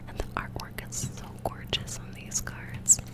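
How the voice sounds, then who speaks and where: A woman chatting in a soft, breathy ASMR whisper, lingering on words and softly repeating some. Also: a little slow. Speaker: ASMR host.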